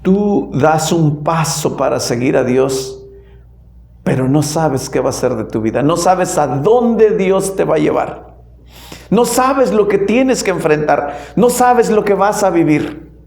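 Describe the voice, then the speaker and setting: A man's voice: a little high, lively intonation, takes it slowly, gravelly. Man preaching in an echoey hall. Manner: storytelling, emphatic, shifting loud and soft. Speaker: lay pastor. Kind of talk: sermon.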